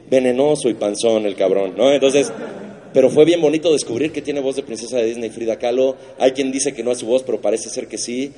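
A man's voice: medium pitch, mellow. A man with a Mexican Spanish accent hosting a comedy show, riffing crudely on the week's news and swearing constantly. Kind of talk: stand-up news monologue.

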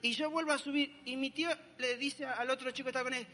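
A man's voice: extremely high pitch, steady tone, fast, sharp tone, long reverb tail. A young man, animatedly telling a dramatic personal testimony. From Argentina.

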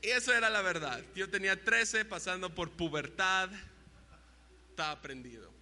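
A young man preaching a sermon, telling stories with shouted sound effects and mimicry, in a reverberant church hall with a faint hum. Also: high voice, normal speed. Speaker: youth pastor.

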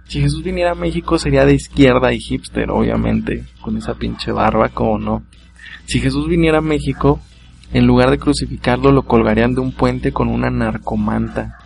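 Gravelly Mexican man joking on a podcast. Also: mid-range voice, animated, normal speed, darkish tone, a little hiss or hum. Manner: joking, laughs at own jokes; casual, slangy. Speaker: podcast host. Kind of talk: solo comedic podcast monologue.

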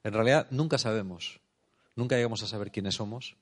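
A man giving a thoughtful spiritual talk, often checking in with "eh?" and "no?". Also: lowish voice. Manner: thoughtful, unhurried, tag questions like "eh?" and "no?". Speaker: preacher.

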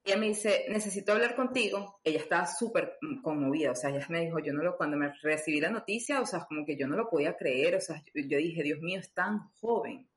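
A woman's voice: deep voice, animated, quick pace, hardly any pauses. A woman telling a personal story, chatty, with many fillers and acted-out dialogue. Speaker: guest. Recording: roomy echo.

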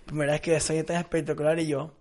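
A man's voice: fairly high pitch, little pitch movement, rapid-fire, a little mellow. A young man with a Venezuelan accent, co-hosting a casual podcast and telling crude stories. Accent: Venezuelan Spanish. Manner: storytelling, crude, emphatic. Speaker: podcast co-host. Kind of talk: casual chat.

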